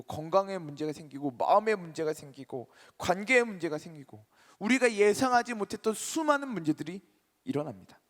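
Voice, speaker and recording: Pastor guy preaching, high voice, lots of church hall echo, punchy and asks the crowd stuff. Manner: emphatic, questions the congregation, swings loud and soft. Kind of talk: sermon to a college group. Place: church sanctuary.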